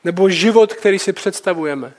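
High-voiced man preaching. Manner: reads scripture, then comments casually. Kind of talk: sermon with Bible reading.

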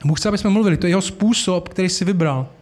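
A man's voice: high voice, darkish tone. A man preaching a sermon in an earnest, conversational way, asking the congregation rhetorical questions.

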